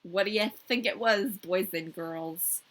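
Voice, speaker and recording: Narrating a fairy tale from a script, this woman, a podcast host and storyteller, keeps a playful, informal rapport with her listener and drops in casual asides. Her voice is medium in pitch with a fairly bright tone, and she doesn't rush.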